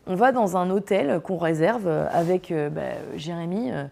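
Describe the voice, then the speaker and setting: A woman's voice: on the low side, normal speed, creaky, a little mellow. A woman hosting a podcast, telling anecdotes in a chatty, slangy storytelling way with many fillers. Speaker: podcast host. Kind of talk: casual storytelling.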